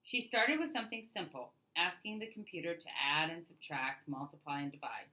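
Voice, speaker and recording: In a low-quality recording, a woman with a voice that sits low tells a children's picture book story aloud. She's emphatic and expressive, choosing her phrasing deliberately.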